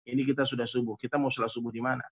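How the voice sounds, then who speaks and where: A man voicing a calm, wise older preacher who speaks in a low, hushed way. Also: fast, highs cut off. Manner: hushed, whispering.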